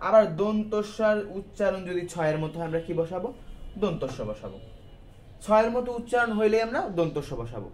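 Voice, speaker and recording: High-voiced male teacher quizzing his class. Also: animated, fairly quick, a little hiss or hum. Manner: explains step by step, asks questions and answers them himself; colloquial, mixes in English words. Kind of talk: grammar lesson for students.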